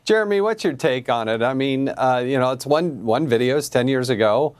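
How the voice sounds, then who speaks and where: A man's voice: mid-range voice, fairly quick. Emphatic male cable news host. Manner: emphatic, lively, scornful delivery.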